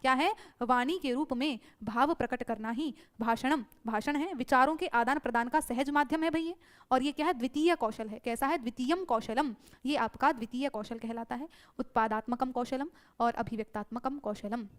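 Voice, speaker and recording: A woman's voice: sits high, moderate pace. A woman teacher giving an online exam-prep lecture, drilling students with repeated rhetorical questions.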